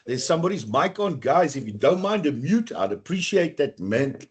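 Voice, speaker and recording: A man teaching an online exam-prep class over a computer mic, chatty, with a rough, coughing throat and a habit of saying "guys". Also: fairly high pitch, big pitch swings, moderate pace. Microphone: computer mic on a video call.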